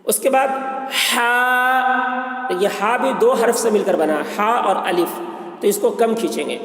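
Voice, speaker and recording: High-voiced man teaching, echoey room. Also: lively intonation. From India. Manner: drawn-out sung letter sounds between plain explanation. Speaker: Quran reading teacher. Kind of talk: letter pronunciation lesson.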